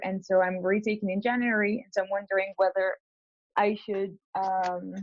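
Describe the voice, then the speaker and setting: A woman's voice: mid-range voice, no room sound, highs cut off. A young woman from Spain, a law school applicant, talking hesitantly with many fillers in a casual coaching call. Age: young adult.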